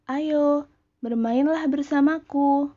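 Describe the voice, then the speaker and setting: A woman voicing a kind, generous apple tree in a children's story, with a warm, inviting storybook manner. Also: fairly high pitch, takes it slowly, dull audio.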